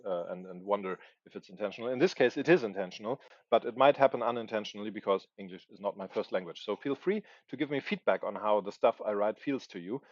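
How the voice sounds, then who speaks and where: Thinking aloud as he writes live, a German-native man in his forties hesitates and looks for words, talking fast in a voice on the low side. The recording is muffled, with no room sound.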